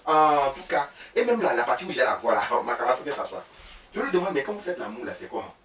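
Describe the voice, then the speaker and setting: Guy doing a bragging gossipy wife, ivorian french accent, pitch all over the place, roomy sound from off mic. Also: fast talker, far from the mic, a little hiss or hum. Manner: gossipy, animated, loud outbursts. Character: boastful chatty wife of Cyprien, a woman. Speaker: comedian playing a woman. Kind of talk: comic sketch monologue. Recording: roomy, from off-mic, faint background.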